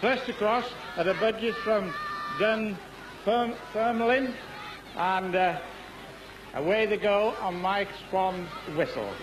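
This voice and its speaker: Bantering and chuckling, a Yorkshireman provides cheeky live commentary for a game show held outdoors in a park. He speaks slowly in a high voice, with crowd and background noise around him.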